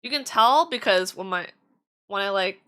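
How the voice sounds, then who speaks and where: A woman's voice: medium pitch, expressive, moderate pace, bright, forceful tone, clean tone. A woman streaming tarot readings in casual chat, chatty and giggly with lots of fillers, her voice slightly strained.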